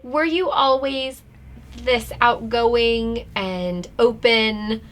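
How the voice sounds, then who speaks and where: Upbeat woman interviewer, slightly high pitch. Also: drawn-out words. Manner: warm, affirming, reflective questions. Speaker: interview host. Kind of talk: casual interview.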